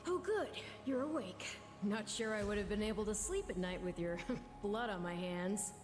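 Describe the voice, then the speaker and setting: A woman's voice: medium pitch, animated, moderate pace, faint music behind, natural voice. A woman voicing a haughty, childlike otherworldly being in a video game, with a formal, teasing, condescending manner. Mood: wry, aloof. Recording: long reverb, loud background ambience.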